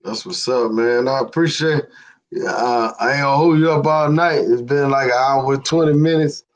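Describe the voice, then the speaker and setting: Man, show host, medium pitch, laid-back, slangy, casual chat. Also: moderate pace.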